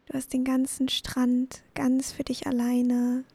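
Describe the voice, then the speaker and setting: A woman narrating a guided bedtime sleep meditation in a soothing, gentle, breathy voice that often nears a whisper. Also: high voice, monotone, slow pace, no room sound. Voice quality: breathy, soft.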